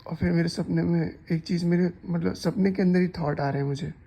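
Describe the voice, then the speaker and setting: A man's voice: on the high side, fairly even intonation, fairly quick, creaky, mellow. A man casually recounting a dream in a chatty, rambling way, full of restarts and asides. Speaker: storyteller. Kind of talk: casual storytime narration.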